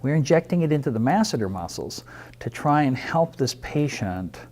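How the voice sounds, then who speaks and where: A man, a dentist, explaining a clinical procedure in a measured, emphatic way. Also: mid-range voice, very animated, darkish tone.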